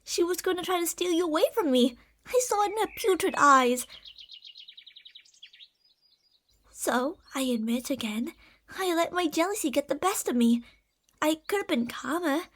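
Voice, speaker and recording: In an ASMR roleplay, a woman plays a possessive, delusional lamia monster, her very high, fairly bright voice animated and at normal speed. She sounds haughty and theatrical, cold yet doting, sweetly gaslighting the listener.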